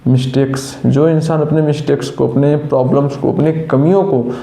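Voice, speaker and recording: Male coaching teacher, warm higher voice, roomy echo, scolds and motivates. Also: steady tone, moderate pace, gravelly. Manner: scolding and coaxing students with rhetorical questions. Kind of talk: motivational classroom talk.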